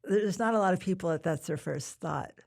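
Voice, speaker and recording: A woman's voice: on the low side, a little fast, gravelly, a little mellow. A woman hosting a podcast, asking her guest curious, conversational questions. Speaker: podcast host. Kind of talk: podcast interview.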